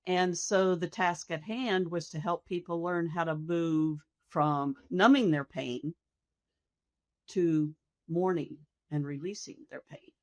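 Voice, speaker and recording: With a lowish voice and no room sound, an older woman, a hospice nurse, gives reflective answers to interview questions. She speaks softly and slowly, thoughtful and measured.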